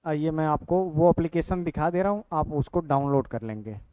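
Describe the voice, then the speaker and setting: A man's voice: fairly high pitch, expressive, brisk, warm tone, smooth, no echo, low-quality recording. A young man, explaining a course lesson casually and checking in often with "theek hai". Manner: repeats "ठीक है" and addresses students directly. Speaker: online coaching teacher.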